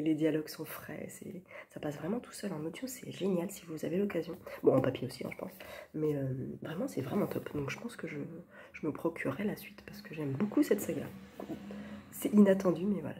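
Book vlogger lady, lowish mellow voice, lots of euhs, half whispers sometimes, faint hiss behind. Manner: chatty, hesitant with frequent fillers, often drops to near-whisper. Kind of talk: casual book chat.

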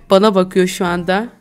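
A woman streamer giving casual, teasing commentary over a role-play game, often breaking into giggles. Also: medium pitch. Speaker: gaming streamer.

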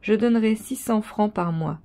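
A woman's voice: mid-range voice, moderate pace, warm tone, natural voice. A woman reading the lines of a poor young mother pleading with an innkeeper's wife, in a storybook reading.

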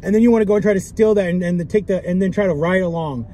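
A man's voice: high-pitched, racing, mellow. A young man vlogging in casual chat to camera, talking earnestly and repeating his phrases. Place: sitting inside a car. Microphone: camera at dashboard distance. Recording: background noise inside a car.

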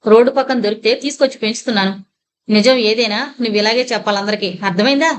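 A woman's voice: a little high, quick pace, slight background noise, close to an everyday voice. A woman voicing a harsh, bullying woman who keeps a liquor shop and scolds a small girl. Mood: threatening. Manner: scolding, shouting.

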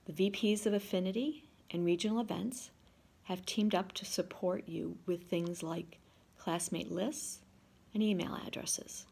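Older lady in her 60s reading class remarks on a video call at home, low husky gravelly voice. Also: a little mellow. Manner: measured, reading from notes. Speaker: class officer. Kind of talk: prepared remarks. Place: home living room, indoors. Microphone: video call, laptop camera.

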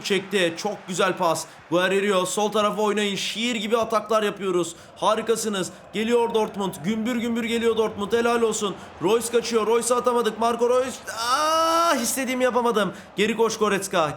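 Excitable high-voiced man commentating his game. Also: brisk, few pauses, slight background noise. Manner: shouts and scolds players, swings between yelling and muttering. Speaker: gaming YouTuber. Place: a room at home, recording at night.

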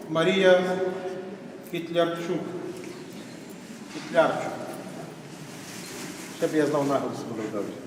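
A high-voiced priest preaches and calls children forward one by one. He speaks formally, then gently. He is heard from far back in a big church with a long, ringing echo. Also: animated, very fast, hardly any pauses. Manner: formal church address, then warm calling of children by name. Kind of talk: sermon and first communion ceremony. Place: large church, recorded from a distance. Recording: echoey church from far off, faint noise.

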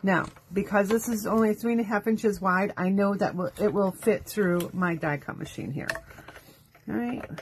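A woman's voice: medium pitch, normal speed, a little hiss or hum. A woman hosting a live crafting demo, talking chattily step by step while losing her voice. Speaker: craft show host. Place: home craft studio.

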